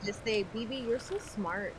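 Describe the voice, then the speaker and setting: A woman's voice: a little high, measured pace, crowd noise. A young woman streaming a game with a friend, laughing and swearing playfully in casual chat.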